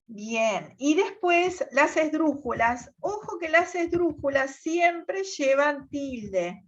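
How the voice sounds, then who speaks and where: A woman teacher explains step by step on a video call, pausing often to check that the class follows. Her voice sits high and her pace is unhurried. The audio is dull and lo-fi. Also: expressive. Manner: patient, repeats "¿tá?" checks.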